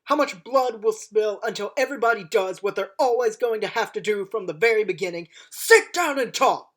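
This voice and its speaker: A woman's voice: mid-range voice, very animated, measured pace. A woman playing an impassioned war veteran pleading for peace in a theatrical, rousing dramatic monologue. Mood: impassioned, anguished. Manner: theatrical, swinging from hushed to shouted. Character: impassioned, unforgiving-yet-forgiving time-traveller war veteran pleading for peace.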